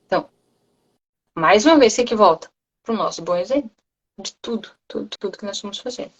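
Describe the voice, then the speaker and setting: The audio is poor, but a medium-pitched woman can be heard speaking briskly with a Brazilian Portuguese accent. Appearing as a guest speaker on parenting, she animatedly explains her ideas in conversation and imitates children's voices as she goes.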